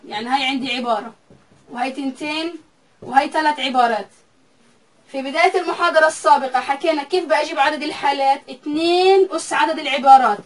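High-voiced woman teaching math, recorded from afar. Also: far from the mic, poor audio. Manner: explains step by step, repeating each value aloud.

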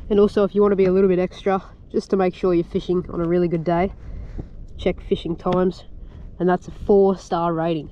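A man's voice: high voice, dark tone, highs cut off, slight background noise. An Australian man recording a fishing vlog outdoors on a grassy shoreline, chatting upbeat and explaining his tackle and tips as he goes. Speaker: fishing vlogger. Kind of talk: casual to-camera fishing commentary.

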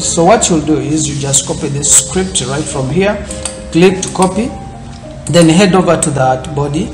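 Guy walking thru a website how-to, lots of uhs and right-from-heres, echoey room, music playing behind. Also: a little high. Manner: loose, repetitive phrasing with frequent fillers. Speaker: tutorial host. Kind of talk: screen-recorded tech tutorial. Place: indoor room, seen in corner webcam.

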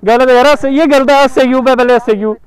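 A man calming two arguing friends outdoors, soothing and repeating himself. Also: very high voice, fast talker. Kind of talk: calming friends in a staged prank. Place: outdoors by a road.

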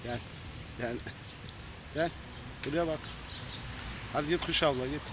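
A man's voice: fairly high pitch, unhurried. A man talking to stray cats in a casual vlog, calling and coaxing them over and over in short repeated phrases. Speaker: vlogger. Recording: dull lo-fi audio with clear street noise.

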